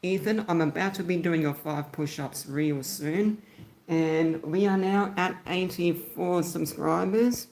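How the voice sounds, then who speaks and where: A man's voice: fairly high pitch, a little slow, gravelly, a little mellow. An Australian man chatting casually on a phone livestream, thanking viewers by name as he goes. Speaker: YouTuber live-streaming.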